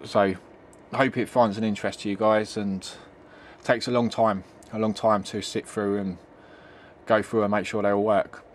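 Here a middle-aged man talks through retro computing at a moderate pace in a low, level voice, with slight background noise behind him. He's at his home computer desk, using a handheld camera's built-in microphone. His offhand tutorial drifts and stalls, and he often says things twice.

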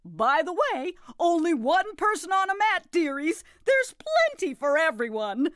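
A woman's voice: extremely high pitch, sing-song, measured pace, fairly bright tone, dry recording, studio quality, full character voice. A woman voicing a jolly, doting, slightly nutty grandmother who hosts a children's game in a folksy, gleeful, exclamatory way. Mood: cheerful, instructive. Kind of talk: animated children's game narration.

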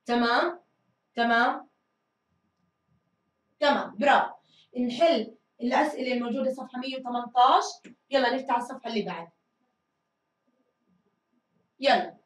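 A woman teacher giving a grammar lesson, drilling answers and stretching words slowly. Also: fairly high pitch, distant mic. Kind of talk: recorded classroom grammar lesson. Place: school studio room. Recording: echoey room, mic set back.

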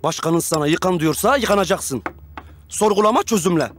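A man's voice: high-pitched, lively intonation, brisk, a bit bright, a little hiss or hum. A man in his thirties playing a bossy, self-important revolutionary leader in a TV comedy-drama, commanding and pompous. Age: 30s. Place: furnished rooms of a house.

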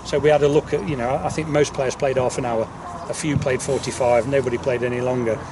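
Picked up by a far-off outdoor mic with audible background noise, a football manager talks quickly in a mid-range voice with fairly even intonation. He's on the pitch outdoors for a casual post-match interview and tends to repeat his words.

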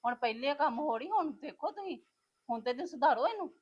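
High, quick-talking pleading woman. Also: lively intonation, lo-fi sound. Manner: pleading and reproachful. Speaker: married daughter visiting her mother. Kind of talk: Punjabi family web drama acting.

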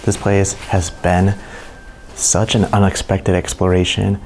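An urban explorer vlogger with a low, flat voice narrates a casual walkthrough to camera inside a large abandoned mansion. He speaks slowly in a hushed, awed way, reacting to his discoveries, over a slight hiss or hum.

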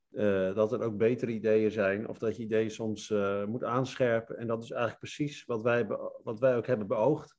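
A man's voice: medium pitch, a little mellow. A man in his fifties giving friendly, encouraging closing remarks on a video call, with some fillers. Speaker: team lead. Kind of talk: closing remarks in an online meeting.

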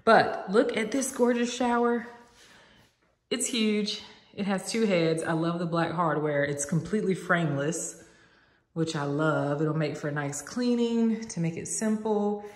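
In an unhurried, low-pitched voice, a young Southern woman gives a chatty, enthusiastic home tour packed with "like"s. As a vlogger she narrates casually while walking with her phone camera through the bare rooms of an empty house, which echo noticeably.

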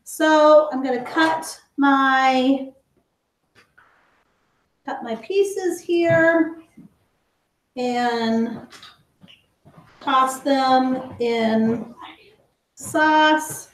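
A woman leads a live cooking lesson for kids in a home kitchen, talking her young viewers slowly through each step. Her voice sits fairly high. The kitchen gives it a roomy echo. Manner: chatty, slow and explanatory, talks to viewers as guys. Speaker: kids cooking class teacher.

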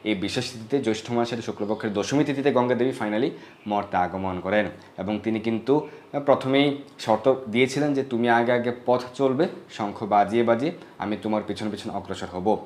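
A man giving devotional instruction in a measured, explanatory way, slowing down to recite Sanskrit mantras. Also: fairly low pitch, a little mellow. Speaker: Vaishnava religious teacher.

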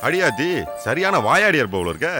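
A man's voice: on the high side, big pitch swings, a little fast. An actor playing a teasing, gossipy village postman. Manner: mocking, playful ribbing. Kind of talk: Tamil film dialogue. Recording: film scene with music score.

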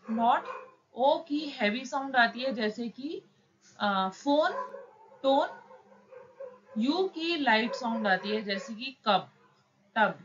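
A woman teaching shorthand, explaining each word slowly and patiently, step by step. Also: fairly bright tone. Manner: slow, patient, drawn-out words. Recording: dull low-fi recording with faint noise.

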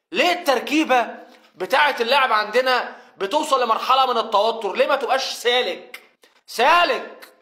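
Egyptian man, middle-aged, high voice, quick animated football rant. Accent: Egyptian Arabic. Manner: animated, mimics imagined players and fans. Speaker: football fan commentator. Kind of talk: emotional fan video rant.

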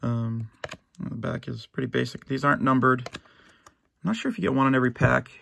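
With a pushed, bright, mid-range voice at a moderate pace, this middle-aged American casually comments on a sports card box break for his channel from his home basement. He's easygoing and rambling, full of fillers and restarts, a bit hoarse, and clears his throat now and then.

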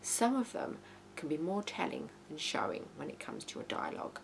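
A woman in her thirties, low-pitched and creaky with big swings in pitch, speaks at a normal speed in an informal to-camera tutorial. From her small living room she hands out blunt, emphatic advice on writing, and the low-quality audio picks up hum and background noise.

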